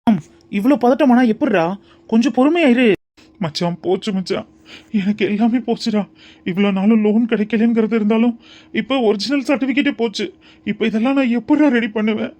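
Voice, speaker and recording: A man voicing two anxious young friends in a family cartoon, one pleading in worry and the other calming him. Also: high voice, brisk, lightly acted. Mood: worried. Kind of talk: cartoon voice acting.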